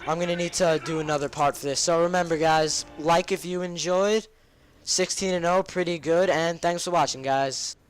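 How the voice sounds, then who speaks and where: A man's voice: on the high side, steady tone, normal speed, soft background music. Rambling, cussing gaming commentator guy. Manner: rambling and profane, drifts off topic. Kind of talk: casual game commentary and storytelling.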